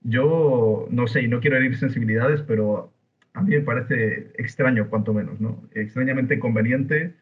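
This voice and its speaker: A man from Spain, a podcast guest chatting casually from Buenos Aires over a remote call, halting with fillers and restarts. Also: mid-range voice. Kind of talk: casual opinion chat. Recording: tinny phone-like line.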